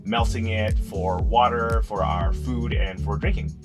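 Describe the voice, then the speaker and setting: A man's voice: fairly low pitch, fairly even intonation, unhurried. A young adult man co-hosting a travel vlog, telling the story plainly and easily. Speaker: vlog co-host. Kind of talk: casual vlog narration. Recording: voice with loud background music.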